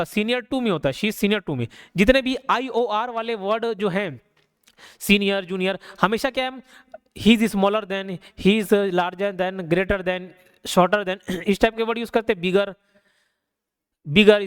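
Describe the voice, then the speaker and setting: A male teacher giving a casual, conversational grammar lesson. He keeps asking rhetorical questions and slows down to spell out each example. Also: high voice, a bit bright, clear, resonant tone, no echo, studio quality. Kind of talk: casual classroom explanation.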